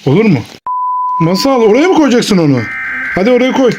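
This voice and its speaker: Excitable playful dad at home. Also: male voice, sits high, fairly quick, background noise. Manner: animated, excitable, coaxing. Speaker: father. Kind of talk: playful pretend-play family vlog. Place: at home, indoors.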